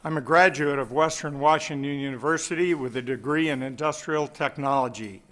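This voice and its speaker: A man's voice: on the high side, fairly quick, a bit bright. Older man giving a candidate statement. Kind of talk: prepared opening statement. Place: meeting hall.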